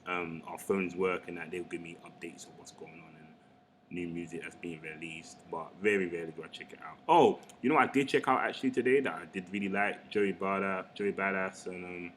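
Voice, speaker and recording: A man's voice: sits low, brisk, slight background noise. A young Englishman, chatting casually and rambling with lots of slang while he works on a digital painting. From England. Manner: laid-back, slangy, rambling. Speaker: artist. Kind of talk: casual chat while drawing.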